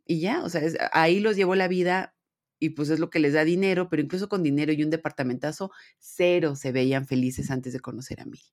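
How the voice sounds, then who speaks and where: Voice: medium pitch, a little fast. Give me a chatty Mexican podcast host in their thirties reviewing an anime casually. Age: 30s. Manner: chatty, animated, full of fillers and slang.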